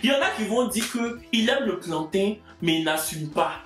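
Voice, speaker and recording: A man's voice: sits high, animated, fairly quick, a bit bright, soft background music. A man in his twenties with an Ivorian French accent, answering viewer questions in a joking, mock-boastful way. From Côte d'Ivoire. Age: 20s. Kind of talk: comic Q&A vlog. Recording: echoey room.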